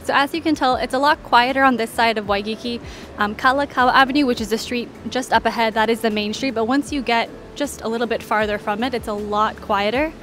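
A woman serving as travel guide and vlog host talks through a walking tour a little fast, her somewhat high voice fairly bright. Over faint background music, she points out one sight after another in an orderly, conversational, informative manner.

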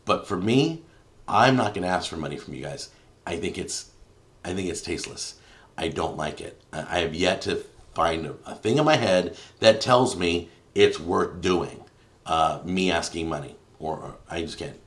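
A man hosting a live stream, giving his opinion to viewers in an emphatic way and getting louder and then muttering under his breath as he reads comments. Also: low-pitched, lively intonation, moderate pace. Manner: opinionated, emphatic, swings between loud and muttering. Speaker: YouTube cooking show host.

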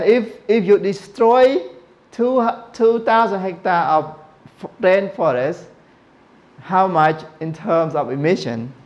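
A man's voice: high voice, dull audio. A middle-aged man from Cambodia giving an informal classroom lecture into a handheld mic, often restarting and correcting himself and putting questions to the audience. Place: lecture room with projector screen.

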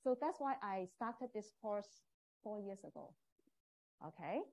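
A woman's voice: mid-range voice, lively intonation, unhurried, darkish tone, low-quality recording. Cantonese-accented woman lecturer presenting. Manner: non-native English with small grammar slips. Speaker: professor teaching a communication course. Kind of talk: live presentation to prospective students.

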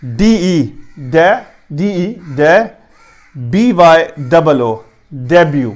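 A man's voice: fairly high pitch, lively intonation. A man teaching English pronunciation in an Urdu lesson, spelling words letter by letter and repeating each one.

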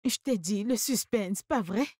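A woman's voice: mid-range voice, measured pace, a little mellow, husky, no echo, clean studio sound. A woman dubbing a betrayed young woman in a French film dub, with a plain, direct delivery. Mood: scornful. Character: betrayed young woman, trusting then heartbroken. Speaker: dubbing actor.

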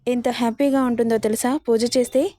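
A devoted young wife, patient but stubborn, who pleads and pushes back, as a woman storyteller puts her on. The voice is mellow and dark-toned, slightly high, in a dry, close recording. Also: steady tone, a little fast, no room sound, close to an everyday voice. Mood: pleading.

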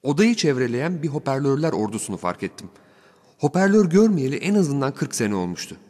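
Man narrating a story with lively pitch. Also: brisk, in a large hall. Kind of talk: audiobook narration, first person.

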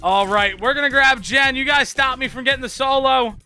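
A man streaming a game live, talking to his chat and friends in excited, hyped-up commentary. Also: very high-pitched, a little fast, smooth, faint music behind.

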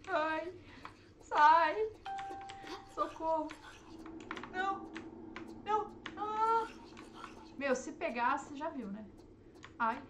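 A young woman, streaming herself playing a game and reacting with excitable, panicky outbursts. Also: sits high, very slow, long pauses, background noise. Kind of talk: live gameplay commentary.

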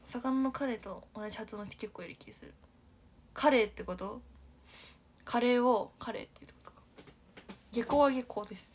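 A woman's voice: a little high, normal speed, long pauses, slightly rough. A young woman from Aichi hosting a casual livestream, chatty and giggly, reading viewer comments aloud and often dropping to a near-whisper. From Aichi, Japan. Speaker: idol livestream host.

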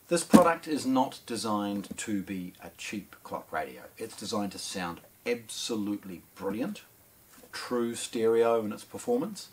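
A middle-aged New Zealander with a lowish voice presents an unboxing for an audio shop, casual and improvised, hesitating with frequent pauses. He's in a small indoor showroom lined with shelves and speakers, and background noise is clearly audible.

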